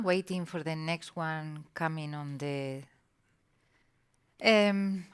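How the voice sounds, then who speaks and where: A woman moderating a webinar, reading out questions from the audience. She speaks very slowly, in a smooth and fairly low voice. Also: a bit bright. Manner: slow, reads out questions.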